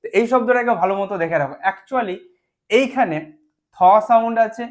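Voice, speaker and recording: A man's voice: extremely high pitch, animated. Patient man teaching a spelling lesson. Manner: patient, explains step by step, keeps asking "right?"; slows down to spell words out.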